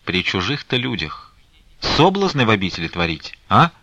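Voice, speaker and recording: A man's voice: lowish voice, very animated, moderate pace, sharp tone, dry recording, full character voice. A man reading an audiobook voices a stern, angry elderly abbess who scolds fiercely and reproachfully. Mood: stern scolding.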